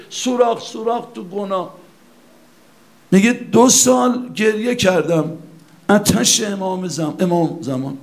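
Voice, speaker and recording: A high-voiced man delivers an impassioned sermon. He moves between urgent appeals to his listeners and quieter storytelling. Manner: impassioned, addresses listeners as kids, shifts between urging and soft storytelling. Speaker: preacher.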